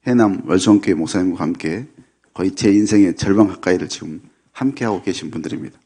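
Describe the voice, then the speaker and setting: A middle-aged man preaching a Sunday sermon in a church. He talks at an easy, unhurried pace, drops in little affirming "yes" fillers, and keeps things light with gentle humor. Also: low voice, slightly rough. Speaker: pastor. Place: church sanctuary.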